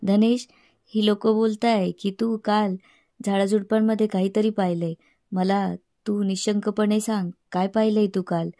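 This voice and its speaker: A woman reading out a calm old village saint. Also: mid-range voice, a little slow, no echo, clean studio sound, lightly acted. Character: calm elderly male village saint, gentle guide.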